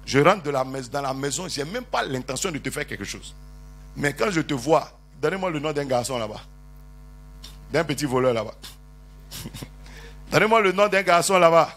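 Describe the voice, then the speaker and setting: A man preaching a sermon as bishop, calling on the congregation to answer amen, teasing them with jokes and rising to loud prophetic declarations. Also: medium pitch, fairly quick, slight background noise. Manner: animated preaching with call-and-response.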